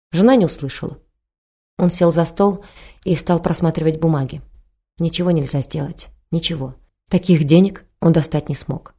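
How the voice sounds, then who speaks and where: A woman narrating a story in a calm, measured way. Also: deep voice. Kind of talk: scripted audiobook narration.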